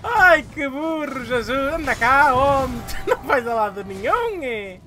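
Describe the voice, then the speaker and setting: Young Portuguese man, gameplay commentary; high, bright voice, excitable, swears and yelps. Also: a little slow, slight background noise. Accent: European Portuguese. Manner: excitable, swearing, shouting outbursts. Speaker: gamer.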